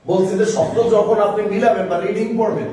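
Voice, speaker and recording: A man leads a Quran reading lesson, breaking words down letter by letter and quizzing the class. His voice is high and mellow. He is recorded from a distance in a very echoey room. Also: fairly even intonation, fast talker. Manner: explains step by step, asks the class questions. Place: mosque-side classroom.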